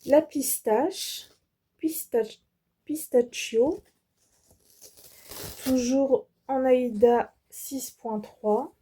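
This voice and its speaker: A French woman vlogger walks through her latest craft haul at an unhurried pace. Her voice sits a bit high but has a very dark, mellow tone. She pauses often, fills gaps and restarts her sentences as she goes. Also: breathy edge. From France. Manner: slow, hesitant, many fillers and restarts. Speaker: embroidery channel host. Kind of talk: casual product show-and-tell.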